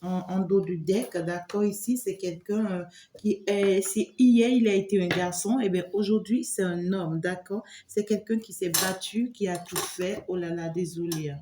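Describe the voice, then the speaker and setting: A woman's voice: fairly low pitch, normal speed, mellow, roomy sound, slight background noise. A woman doing a spoken tarot reading for the viewer, rambling with lots of filler words and often checking that the listener follows. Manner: loose and rambling, full of filler words and repeated "here". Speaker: tarot reader and medium.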